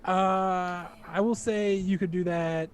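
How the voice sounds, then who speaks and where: A man's voice: high voice, steady tone, slow pace. A young man running a tabletop game as game master, laid-back and joking, with lots of fillers.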